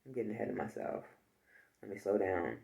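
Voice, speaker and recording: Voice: sits low, expressive, a little fast, creaky, mellow. Rambling joking vlogger. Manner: rambling, joking, talks to the viewer. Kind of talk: casual chat.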